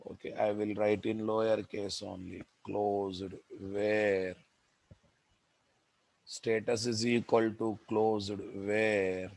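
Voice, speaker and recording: A man's voice: on the low side, a little mellow. A man with a Telugu Indian accent teaching live coding, dictating code aloud, repeating phrases and addressing his students directly. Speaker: programming instructor.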